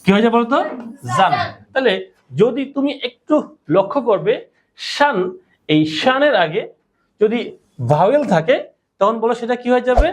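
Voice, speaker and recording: A woman's voice: a little high, lively intonation, moderate pace, pauses often, a little hiss or hum. A woman teacher giving a classroom pronunciation lesson, quizzing her students with repeated questions. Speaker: English teacher.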